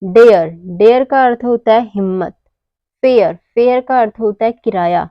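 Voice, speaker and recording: A woman teaching English word pronunciation, explaining each word slowly and answering her own questions. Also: fairly high pitch, no room sound, muffled recording. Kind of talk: slow explanatory lesson.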